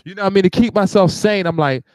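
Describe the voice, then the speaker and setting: Show host, male, high bouncy voice, animated rant, close dry mic. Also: very fast, no echo, poor audio. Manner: animated ranting with laughs and repeated restarts. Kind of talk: live talk show monologue.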